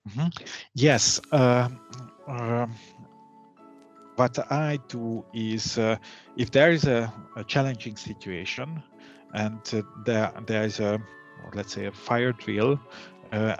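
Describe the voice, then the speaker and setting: A middle-aged man from Hungary, calmly answering interview questions, with many fillers and restarts. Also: medium pitch, takes it slowly, lo-fi sound, faint music behind. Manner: calm. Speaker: interview guest, data analytics head.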